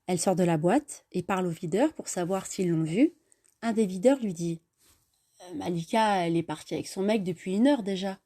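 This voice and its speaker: Woman reading out her own story, calm and even, kinda warm mellow tone. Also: on the low side, slightly rough. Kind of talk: scripted story narration.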